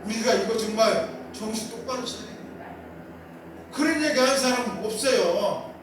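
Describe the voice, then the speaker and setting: A man's voice: sits high, normal speed, far from the mic. Male pastor, emphatic sermon delivery with repeated key words, very echoey room with faint background noise. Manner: rhetorical questions with call-and-response. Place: small church.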